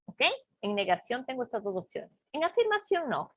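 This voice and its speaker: A woman teaching an English class, explaining grammar slowly and patiently and checking often that students follow. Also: a little high, very animated, dry recording. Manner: slow, patient explaining with frequent check-ins. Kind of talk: online class lesson.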